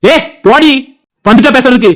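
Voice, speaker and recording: A woman's voice: on the high side, normal speed, lightly acted. A woman with a Tirunelveli Tamil accent voicing an angry husband in a cartoon, who scolds his wife in a heated, insulting way while defending his brother. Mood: contemptuous. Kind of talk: cartoon dialogue acting.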